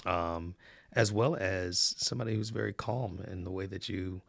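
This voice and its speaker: Older man with a gravelly low voice. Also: moderate pace, dry recording. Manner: easygoing, affirming, playful. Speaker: podcast host. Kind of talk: casual interview chat.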